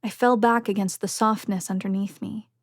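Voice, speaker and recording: A woman narrates a novel in the first person, her delivery measured and steady, easing into a hushed whisper in the quiet moments. Her voice sits at an ordinary middle pitch. The recording is dry and close, with no room sound around her. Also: no room sound. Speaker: audiobook narrator.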